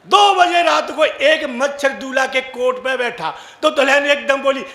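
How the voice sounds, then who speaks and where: A man's voice: extremely high pitch, unhurried, bright, forceful tone. A man, a comic poet, telling jokes on stage and acting out drunks and stammerers. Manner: acts out drunk and stammering characters. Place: stage in a large hall with audience. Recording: echoey hall from far off.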